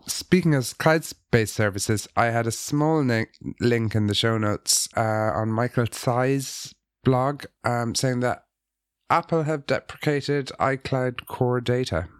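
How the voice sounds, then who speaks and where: A man's voice: medium pitch, slow pace, smooth, no room sound, clean studio sound. A man co-hosting a casual tech podcast about app development, talking in a hesitant way with many ums and restarts.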